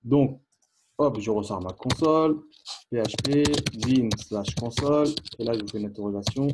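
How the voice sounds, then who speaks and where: A man giving a casual screencast programming lesson, thinking aloud with fillers and quick asides as he types. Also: on the low side, noisy background. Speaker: programming instructor. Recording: faint keyboard clicks behind.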